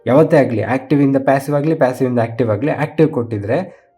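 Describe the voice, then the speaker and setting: A man's voice: mid-range voice, quick pace, warm tone, husky, soft background music. A man teaching English grammar for an exam, explaining patiently and often checking that students follow. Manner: patient, repetitive explaining with frequent check-in questions. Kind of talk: exam-prep grammar lesson, explaining step by step.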